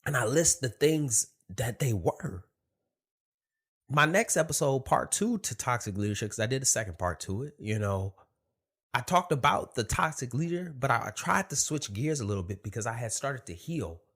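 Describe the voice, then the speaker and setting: A man's voice: medium pitch, lively intonation, moderate pace, fairly bright tone, slightly rough. A man hosting a casual solo podcast, rambling and emphatic, with a slight lisp and thick-tongued speech from a swollen tongue. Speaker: podcast host.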